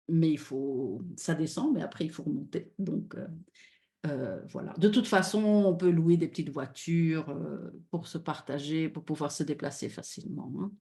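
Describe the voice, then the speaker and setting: A woman organizing a retreat, presenting it in a lively, chatty way with frequent fillers. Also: on the low side. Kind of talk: online presentation.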